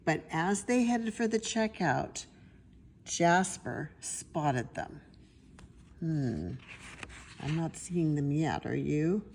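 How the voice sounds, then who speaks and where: An older woman with a low, darkish, elderly voice and lively intonation reads a children's picture book, stretching out her phrasing for suspense. She breaks off for chatty asides to her listeners, and the recording carries noticeable background noise.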